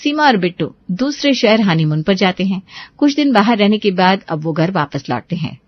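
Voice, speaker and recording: A woman narrating a cartoon story in a calm, even, scripted way. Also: mid-range voice, moderate pace, dry recording, dull audio.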